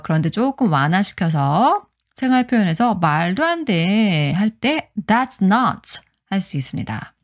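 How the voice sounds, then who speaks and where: A woman teaching an English pronunciation lesson, explaining in Korean and reading English lines slowly. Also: medium pitch, a little mellow.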